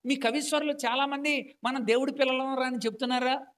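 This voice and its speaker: Male pastor preaching with fervor, high and bright voice, surges to shouts. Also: fairly even intonation, brisk. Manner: preaching fervently, rising to shouts and sung verses. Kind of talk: sermon. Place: church hall.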